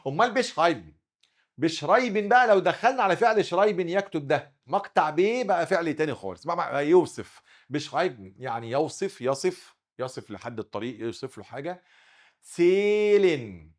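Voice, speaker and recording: Fast-talking Egyptian teacher, man. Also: fairly high pitch. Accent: Egyptian Arabic. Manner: drills pronunciation, repeating words with sharp stresses. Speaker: German teacher. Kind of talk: recorded classroom lesson.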